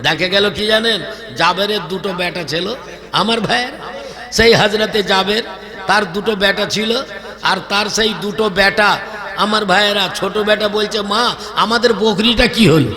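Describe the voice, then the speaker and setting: A man's voice: sits high, steady tone, normal speed. A man preaching a sermon into a microphone, in an emphatic, rhythmic style with repeated lists and calls to the audience. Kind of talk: Islamic sermon (waz) to a crowd. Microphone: public address microphone. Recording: long hall reverb with audible crowd. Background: crowd of listeners.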